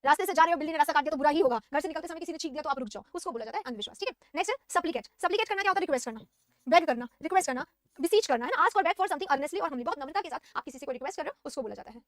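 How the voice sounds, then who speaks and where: A woman teaching vocabulary in Hindi. She reads definitions slowly and keeps asking and answering her own questions. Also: sits high, expressive, no room sound, clean studio sound. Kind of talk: vocabulary lesson.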